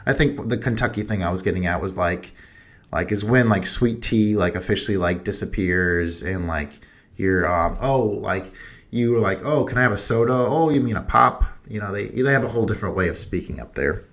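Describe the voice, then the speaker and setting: A man's voice: low-pitched, moderate pace. A young man co-hosting a movie podcast, talking in a loose, rambling, chatty way. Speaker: podcast co-host. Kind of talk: casual chat.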